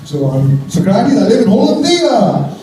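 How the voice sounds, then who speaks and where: An American man does stand-up before a live audience, wry and conversational, laughing at his own jokes. His high voice is sing-song at a measured pace, captured by a distant mic in a roomy theater with crowd noise.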